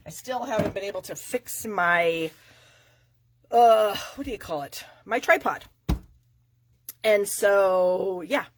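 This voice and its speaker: A woman's voice: medium pitch, expressive, slow, long pauses. A middle-aged woman with a nasal, stuffy voice from a cold chats with viewers in a casual, rambling way as the host of her own craft video. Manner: chatty and rambling, with many fillers. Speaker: stamping demonstrator hosting a live craft video.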